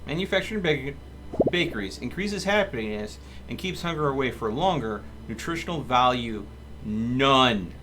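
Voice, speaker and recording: With game music playing underneath and some background noise, a man streams gameplay and comments casually, muttering and dramatically reading the game's text. He speaks expressively at a normal speed and medium pitch.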